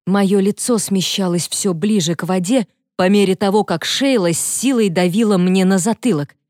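A woman's voice: mid-range voice, normal speed, darkish tone, no echo, studio quality. Woman reading a thriller audiobook. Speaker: audiobook narrator. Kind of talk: scripted first-person audiobook narration.

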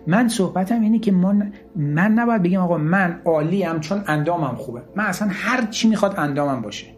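A man's voice: sits high, lively intonation, faint music behind. Earnest man giving a motivational talk. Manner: earnest, emphatic, builds points through repeated lists. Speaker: motivational speaker.

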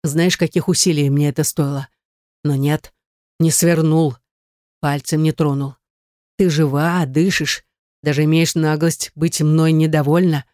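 An audiobook reader voicing an angry ex-husband who speaks in gruff, sarcastic bursts. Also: male voice, on the high side, level tone, unhurried, a little mellow, no echo, studio quality, natural voice. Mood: threatening. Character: angry wealthy ex-husband, hot-tempered, blunt. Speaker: audiobook character. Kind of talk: audiobook reading.

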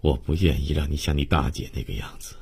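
A man reading a frail, gentle young man. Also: very deep voice, steady tone, fast, breathy edge, exaggerated voice. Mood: earnest. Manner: quiet, earnest, subdued.

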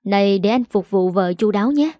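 Woman voicing a doting young husband, teasing and coaxing, warm dry read. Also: mid-range voice, lively intonation, a little fast, no echo, natural voice.

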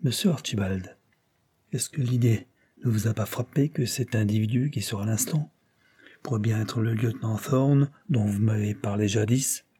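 A male narrator voicing a discreet male clerk who speaks in a low, confiding tone. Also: normal speed, dark tone, slightly rough, dry recording. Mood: hushed.

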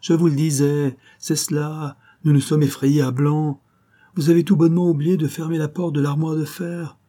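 An agitated middle-aged minister, put on by a male audiobook reader, pressing questions and bursting into exclamations. The voice sits low with a dark, husky grain. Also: moderate pace. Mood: hearty. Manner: agitated, then hearty and exclaiming.

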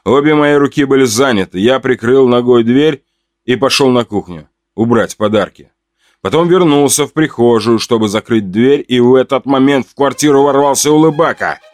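A man narrating a first-person story in a steady, plain way. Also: medium pitch, moderate pace, dry recording, studio quality.

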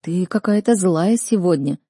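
Taunting young male student read by a woman: mocking, low, dark and husky. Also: lively intonation, measured pace, no room sound, studio quality.

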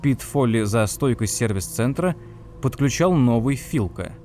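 A man narrating an audiobook in a measured, expressive reading. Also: mid-range voice, slight background noise. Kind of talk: scripted narration.

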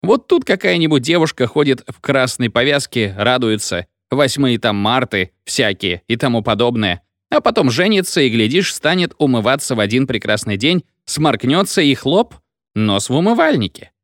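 A man's voice: medium pitch, sing-song, moderate pace, fairly bright tone, dry recording, studio quality. A man doing a drunken, hiccuping village medic. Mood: tipsy lecturing. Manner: drunken, hiccuping, sing-song lecturing. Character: drunken rural male medic, pompous and rambling.

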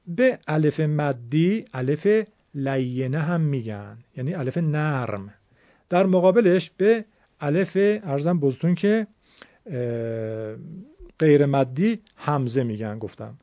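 A man's voice: a little high, expressive, dark tone, no room sound, muffled recording. A man teaching Quran recitation, explaining patiently and formally step by step. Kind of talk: classroom-style explanation.

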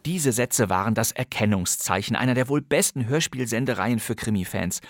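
In a studio-quality recording with no echo, a podcast host presents vintage radio crime plays. His mid-range voice moves at a moderate pace, and he's playful and theatrical, relishing the old thriller titles.

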